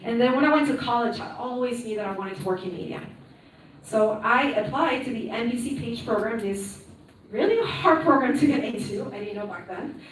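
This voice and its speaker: Speaking fairly quickly in a slightly high voice, a thirtysomething woman from Peru tells her own story on a conference stage, cheerful and conversational, tacking "right?" onto her lines. The distant mic picks up hall echo and a little hiss or hum.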